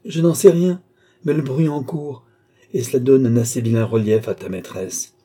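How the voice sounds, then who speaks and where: A man's voice: mid-range voice, normal speed, mellow, voice pushed up, close to an everyday voice. A man voicing an old duke and marshal in an audiobook, sly and teasing, with a lightly threatening, knowing tone. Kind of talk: audiobook reading.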